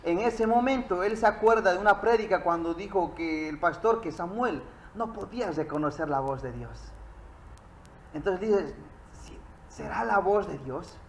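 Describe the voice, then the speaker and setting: A man's voice: high voice, normal speed, reverberant, slight background noise, poor audio. A man preaching a sermon, addressing his listeners and telling them a story.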